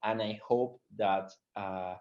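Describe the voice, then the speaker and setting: A man's voice: lowish voice, takes it slowly, lo-fi sound. Man with a strong Spanish accent. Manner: animated, frequent fillers and restarts. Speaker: guest speaker. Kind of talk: webinar presentation.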